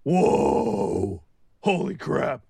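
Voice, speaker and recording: A man voicing an excitable male tree stump in a comedy sketch, croaky and exclamatory. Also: mid-range voice, extremely slow, no echo, clean studio sound, full character voice. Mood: ecstatic.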